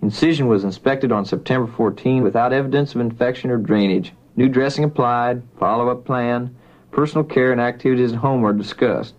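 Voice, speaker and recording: A male doctor dictating a medical report into a dictaphone, measured and deliberate, spelling out names and numbers. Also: mid-range voice, lo-fi sound.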